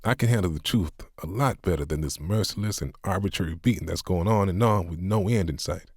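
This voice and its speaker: A man's voice: sits low, brisk, no room sound, studio quality, pitched above the performer's own voice. A man voicing a grieving, defiant middle-aged man who speaks with bitter, half-hearted sarcasm.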